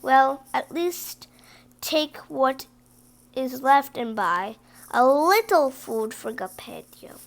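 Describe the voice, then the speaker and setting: A woman's voice: high-pitched, animated, slow, creaky, exaggerated voice. A woman voicing a small male cricket, a worried storybook conscience who urgently admonishes. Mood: scolding.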